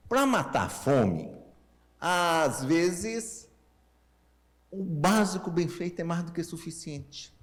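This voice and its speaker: A Brazilian man in his sixties lectures informally in a fairly high, very lively voice. His articulation is a little slurred from a tongue-tie, and he keeps posing questions to his listeners. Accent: Brazilian Portuguese. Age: 60s. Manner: animated, checks in with listeners using short tag questions. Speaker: speaker leading a Spiritist family-ministry session.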